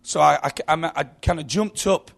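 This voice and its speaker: A man's voice: fairly high pitch, moderate pace, vocal fry, fairly bright tone. A man preaching a sermon in a church, telling stories with frequent restarts and repeated words.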